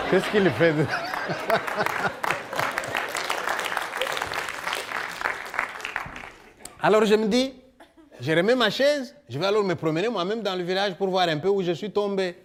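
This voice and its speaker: A man from Congo speaks in a slightly high voice. He tells a theatrical story on stage in a lively way, acting out each scene and putting questions to the audience. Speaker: stage performer. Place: theatre hall before an audience.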